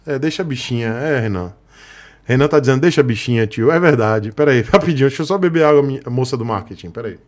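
A man's voice: medium pitch, expressive, fast talker. A man with a Brazilian Portuguese accent, ranting sarcastically and joking with his live-stream chat. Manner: sarcastic, joking, with frequent chuckles. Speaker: motorcycle vlogger on a live stream. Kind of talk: casual live-stream rant.

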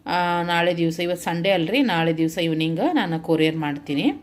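Middle-aged North Karnataka woman, lowish voice. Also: fairly even intonation, normal speed. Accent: North Karnataka Kannada. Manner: earnest, heartfelt retelling, addresses viewers directly. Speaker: vlogger and home food seller. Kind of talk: casual vlog narration to viewers.

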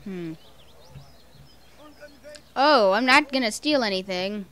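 A woman's voice: mid-range voice, lively intonation, slow pace, a bit bright, clean tone. A woman giving let's-play commentary at home on a cheap microphone, rambling and talking to herself, repeating her questions over and over. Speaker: gamer playing on video. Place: home room.

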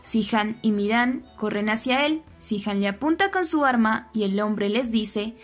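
Woman doing a soap recap, kinda high voice, steady storytelling, soft music underneath. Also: unhurried. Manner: steady storytelling, reads quoted dialogue with a slight lift. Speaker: narrator recapping a soap opera. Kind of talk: scripted recap narration. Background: faint background music.

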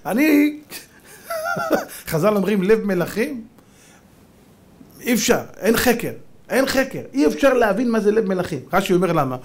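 A man's voice: sits high, expressive, slight background noise. A man, a rabbi giving a Torah lecture. He tells stories theatrically and fires off mocking rhetorical questions.

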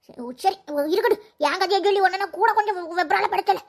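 Woman voicing a cartoon granny, Kanyakumari Tamil, blunt, very high and nagging. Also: steady tone, quick pace. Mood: scolding. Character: scolding old village grandmother, bossy and blunt. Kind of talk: cartoon voice acting.

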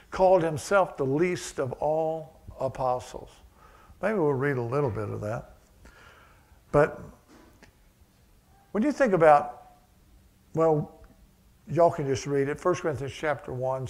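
A man's voice: on the high side, a little mellow. A male pastor preaching a sermon, mixing conversational asides with rising, emphatic passages.

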